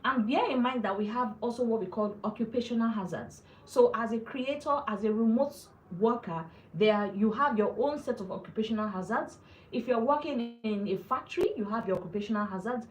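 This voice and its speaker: A personal finance host, a woman with a fairly high, brisk voice, speaks earnestly to viewers on a live talk show and repeats phrases for emphasis. The recording is rough and sounds roomy.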